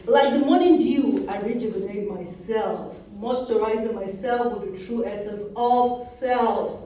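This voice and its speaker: A woman in her forties with a Yoruba accent, a native Yoruba speaker, reading her poems in a slow, measured way. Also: a little high, mellow. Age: 40s. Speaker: poet. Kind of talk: poetry reading. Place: reading event hall. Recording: very echoey room, mic far off.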